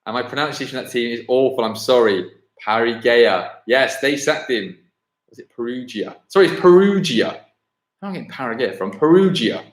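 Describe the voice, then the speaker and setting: Chatty quiz host, roomy echo. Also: male voice, medium pitch, lively intonation, quick pace. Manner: chatty, self-correcting, thinks aloud between questions. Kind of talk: live-streamed pub-style quiz hosting. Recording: echoey room.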